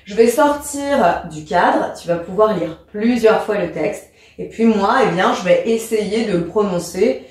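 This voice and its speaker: A woman's voice: mid-range voice, measured pace, a little mellow, distant mic. A woman teacher giving a lesson, patient and step-by-step. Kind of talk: explanatory lesson. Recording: very echoey room.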